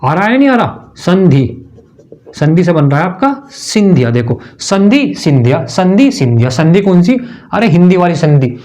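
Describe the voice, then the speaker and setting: A man's voice: high-pitched, sing-song, moderate pace, darkish tone. A man, teaching exam memory tricks in a chummy way. He asks his own questions, answers them himself and keeps repeating the key words.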